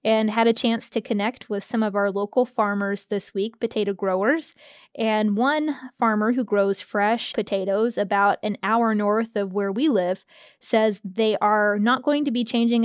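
A woman's voice: mid-range voice, clean tone, no echo, clean studio sound. Matter-of-fact American woman reporter. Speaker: farm radio reporter. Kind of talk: casual podcast interview.

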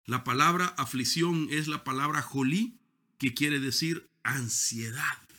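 A man's voice: medium pitch, measured pace, bright, forceful tone. A man preaching a sermon with emphasis, stretching key words and sometimes repeating himself.

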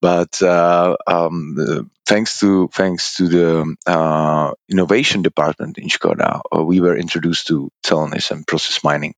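Casting: very low, dry-voiced man, hesitant interview guest. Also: steady tone, no echo. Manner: halting, many fillers and restarts. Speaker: guest, procurement department lead. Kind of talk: interview answers.

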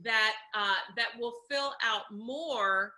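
A woman with a very bright, ringing tone and a slightly high voice speaks as a voice coach. She explains vocal technique in an instructive way and acts out the sounds she is describing. Her delivery is clear and teacherly. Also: takes it slowly. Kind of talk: interview answers, coaching demonstration.

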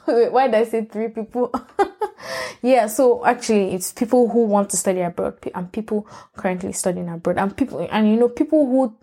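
A Nigerian woman hosts a casual solo podcast, speaking in a mid-range voice at a moderate pace with a warm tone. Her monologue rambles candidly, and she often corrects herself.

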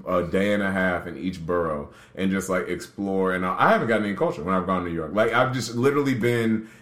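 A man's voice: deep voice, fast talker, fairly bright tone, reverberant. A man hosting a podcast, telling stories in a laid-back way and acting out the dialogue. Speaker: podcast host. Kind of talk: casual chat.

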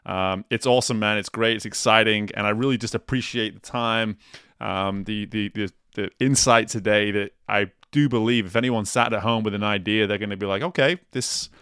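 A podcast host with a lowish, steady voice talks a little fast, his tone a bit bright and clean. Recorded dry with clean studio sound, he sums up an interview in an earnest, upbeat way, often repeating words as he thinks it through.

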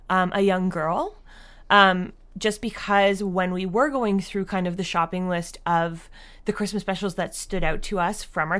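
A woman who creates audio dramas speaks as an interview guest, answering conversationally with hesitant, filler-heavy phrasing. Her voice is fairly low in pitch with a fairly bright tone.

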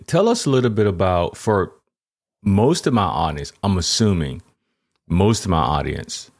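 A man's voice: low-pitched, very animated, moderate pace. A man hosting a podcast, a chaplain, asking rambling questions and repeating words. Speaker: podcast host and Navy chaplain. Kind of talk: casual interview talk.

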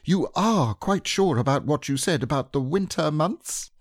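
A man's voice: a little high, lively intonation, unhurried, no room sound, clean studio sound, pitched above the performer's own voice. A man reading aloud and voicing a small, timid male piglet who speaks nervously but eagerly.

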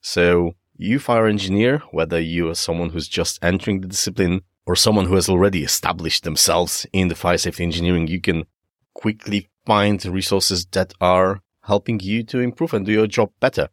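Deep-voiced man with a Polish accent. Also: steady tone, moderate pace, dry recording, clean studio sound. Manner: enthusiastic, informal, addressing listeners directly. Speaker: podcast host. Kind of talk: solo podcast presenting, semi-scripted.

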